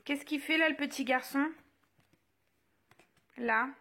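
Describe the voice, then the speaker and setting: A young mother films a casual home vlog on her phone in her child's bedroom, chatting with many fillers and going sing-song when she addresses her small children. Her voice is high, slow, pushed, and bright.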